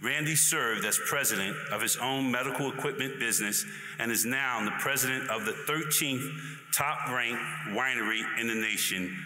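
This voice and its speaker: A man's voice: mid-range voice, pushed and bright. Formal man announcer in an echoey hall. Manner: measured, formal, read-out delivery. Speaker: commencement announcer introducing the speaker. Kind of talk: formal speaker introduction. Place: large ceremony hall with an audience. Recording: echoey hall, crowd and noise behind.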